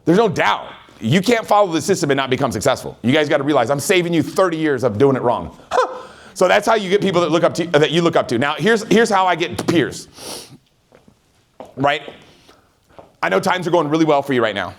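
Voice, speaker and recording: A middle-aged man teaches a room full of recruits at a rapid clip, his voice sitting a little high for a man. He tells stories with a lot of energy and keeps checking that his listeners are following. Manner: energetic, chatty storyteller who keeps checking in with the audience. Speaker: network marketing trainer. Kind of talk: motivational sales training talk.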